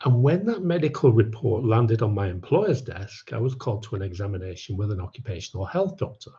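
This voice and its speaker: A man's voice: fairly low pitch, very animated, brisk, warm tone, highs cut off. Wry man telling his own story. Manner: wry, self-mocking asides. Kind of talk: personal storytelling talk.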